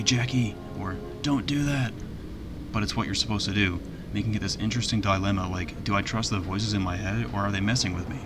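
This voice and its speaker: A man narrating a video game review in an informal, plainspoken way. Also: sits low.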